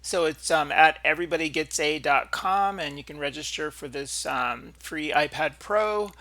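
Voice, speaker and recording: A man gives casual, off-the-cuff commentary as a video host. His voice is a little high for a man, with a lot of creak and a bright, forceful edge. He talks in a halting, unscripted way. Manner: halting, frequent throat clearing.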